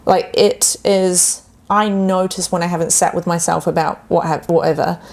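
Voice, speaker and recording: A woman talks casually as a guest health coach on a podcast. Her voice sits a little low with a gravelly edge, and she acts out voices in a lively, animated way. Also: moderate pace.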